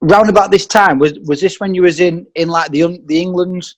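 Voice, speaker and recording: A man in his late thirties hosting a casual podcast chat, asking questions in a relaxed way and chipping in with short agreement. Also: sits high, fairly quick. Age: late 30s. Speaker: podcast host.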